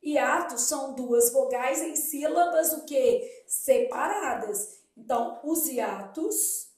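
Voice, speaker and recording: Slowly and with lively intonation, a Brazilian woman teaches a Portuguese exam-prep lesson in a high, slightly mellow voice. She asks questions and answers them herself, in an echoey room.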